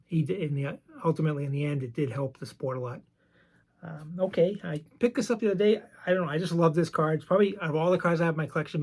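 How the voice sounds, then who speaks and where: A vintage card collector who hosts his own channel gives a casual show-and-tell about baseball cards, easygoing and chatty and prone to wandering into side stories. His voice is gravelly, slightly high, and a little mellow, roughened by medication.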